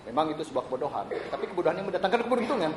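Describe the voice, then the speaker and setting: A man's voice: fairly high pitch, very animated, rapid-fire, slight background noise. A man playing a timid, apologetic middle-aged visitor on stage. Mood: deferential. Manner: deferential, addresses the other as sir, hesitant restarts. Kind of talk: stage play acting. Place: small theatre stage. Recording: roomy live stage recording.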